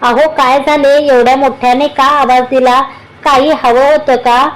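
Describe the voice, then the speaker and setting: A woman voicing a gentle, flustered young wife who soothes her husband, in a high voice. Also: little pitch movement, moderate pace, close to an everyday voice. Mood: soothing.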